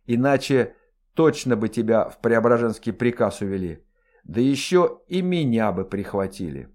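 A man's voice: medium pitch, lively intonation, moderate pace, a little mellow, lightly acted. A man voicing a tall, coarse young noblewoman who scolds and orders her servant around. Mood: scolding. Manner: gruff, scolding, commanding.

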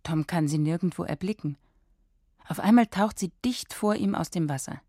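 A woman narrating a scripted radio drama for children in a calm, measured storytelling manner. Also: lowish voice, no echo, clean studio sound.

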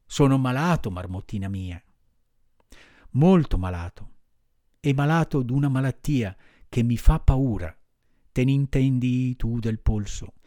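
A man's voice: mid-range voice, animated, a little slow, warm tone, no room sound, studio quality, natural voice. A man voicing a wooden puppet boy in an audiobook, wailing and pleading in despair. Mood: anguished.

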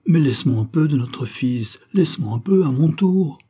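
A weeping old farmer father, tender and pleading, as a male reader puts him on. His voice lifts above a low, dark base, with a husky edge. It reads as a storybook elder. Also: a little slow.

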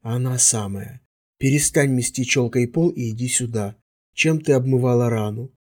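A man reading an audiobook voices a sorceress with a low, husky voice who gives curt, commanding orders. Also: normal speed, a little mellow, natural voice. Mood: brisk commanding.

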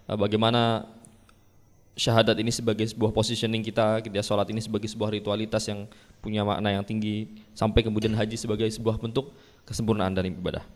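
A man's voice: lowish voice, level tone, fast talker. A man hosting a live AM radio talk show in a conversational way. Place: studio with attendees present. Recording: long reverberant hall sound.

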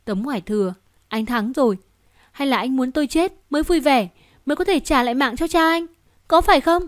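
A woman's voice: a little high, moderate pace, darkish tone, no echo, clean studio sound, natural voice. A woman voicing a bitter, heartbroken young mother in an audiobook, her lines raised and strained. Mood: bitter anguish.

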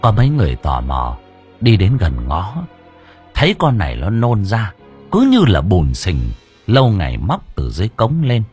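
A man narrating an audiobook story in a lively, expressive way. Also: lowish voice, normal speed, faint music behind.

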